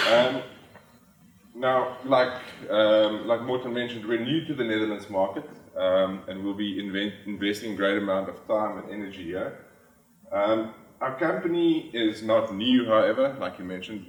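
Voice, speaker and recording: A South African conference speaker whose first language is Afrikaans explains his material plainly to an audience, often pausing on "um" and restarting phrases. His voice is on the low side. The mic sits far from him in a large, echoey hall, so the sound sounds roomy and distant.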